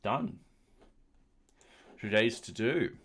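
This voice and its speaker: A man's voice: fairly low pitch, animated, very slow, fairly bright tone, husky. A man streaming himself writing code, talking casually through each step with dry, slightly sarcastic asides. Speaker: streamer and software developer. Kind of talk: live coding commentary.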